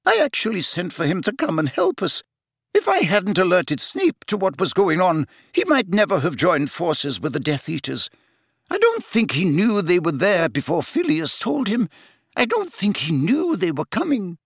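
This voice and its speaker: A man's voice: high voice, huge pitch swings, normal speed, gravelly, breathy edge, no echo, studio quality, voice pushed up, heavily acted. A man voicing an older, stern woman professor in an audiobook, shocked and tearful, with a faint, wavering, distracted manner. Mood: guilty distress.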